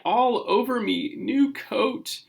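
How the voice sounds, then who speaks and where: A man's voice: extremely high pitch, slow, creaky, heavily acted. A man voicing a grumpy, bitter male taxi driver in a children's story, grumbling at his passengers.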